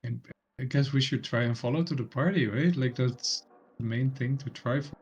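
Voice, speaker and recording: A man's voice: mid-range voice, moderate pace, husky, poor audio. A man playing a tabletop game, musing tentatively about what to try next. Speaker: player.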